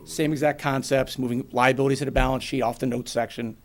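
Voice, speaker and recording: A man in his forties from New England addresses a town board with a public-meeting financial presentation, his mid-range voice showing little pitch movement. He's brisk and plainspoken and explains through everyday examples.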